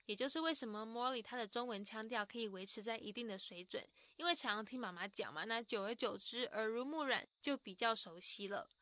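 A woman co-hosting a podcast, narrating lively recaps between interview clips. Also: fairly high pitch, a little fast, few pauses, no echo, studio quality. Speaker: podcast co-host.

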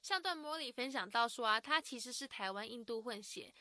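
A woman co-hosting a podcast, narrating lively recaps between interview clips. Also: fairly high pitch, a little fast, no echo, studio quality. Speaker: podcast co-host.

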